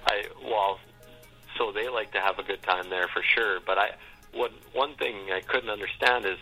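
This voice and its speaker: A man with a low, bright, forceful voice and a husky edge talks as an interview guest. He speaks in an easygoing, rambling way and keeps adding little fillers. Faint music sits behind him. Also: normal speed, poor audio. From Canada, Saskatchewan. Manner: easygoing, rambling, says "you know what I mean". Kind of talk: casual interview chat.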